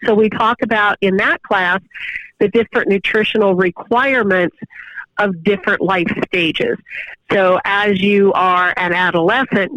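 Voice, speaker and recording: Woman, professor, over the phone, dull phone sound, explanatory, filler words. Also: lowish voice. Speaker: guest professor of exercise science. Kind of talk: interview answers. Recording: dull, muffled phone line.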